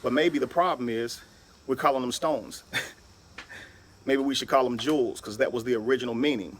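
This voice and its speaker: A man's voice: mid-range voice, moderate pace, slight background noise. A man giving an emphatic lecture-style monologue, spelling words out letter by letter and asking "right?" often. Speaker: video speaker.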